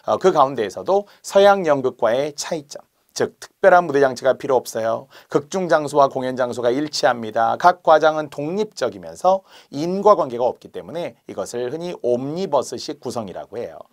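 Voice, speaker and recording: A man explaining exam answers in a lecture, marking each step aloud and slowly spelling out letters and sounds. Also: medium pitch, expressive.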